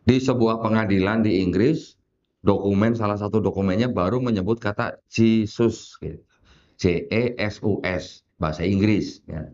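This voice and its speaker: A man's voice: lowish voice, moderate pace, a little mellow. Chatty man explaining with jokey asides. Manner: chatty, jokey asides with frequent laughs, many fillers like gitu; addresses a woman listener often as "Bu". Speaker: podcast host explaining religion. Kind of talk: casual explanatory talk. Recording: slightly dull lo-fi sound.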